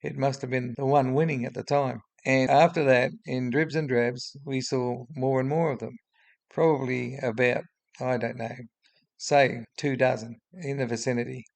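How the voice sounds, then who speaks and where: A man's voice: mid-range voice, fairly even intonation, moderate pace. A man in his seventies with a broad Australian accent and a droning voice, giving blunt, opinionated spoken commentary as a video host. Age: 70s. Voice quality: droning, gravelly.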